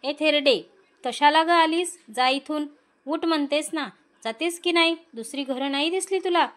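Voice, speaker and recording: A woman voicing a proud queen who shouts harshly. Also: high voice, normal speed, voice pushed up. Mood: contemptuous.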